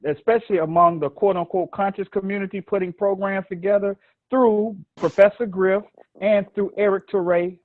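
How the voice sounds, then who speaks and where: High-voiced Southern man hosting. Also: dry recording. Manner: chatty, rambling, laughs often. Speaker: talk show host. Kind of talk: live online talk show hosting. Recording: dry, tinny phone-like call audio.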